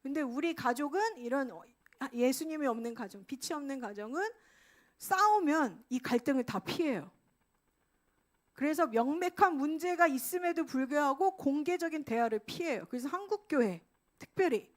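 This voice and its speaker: A middle-aged woman pastor giving a lively sermon, acting out quoted lines. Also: high-pitched, normal speed.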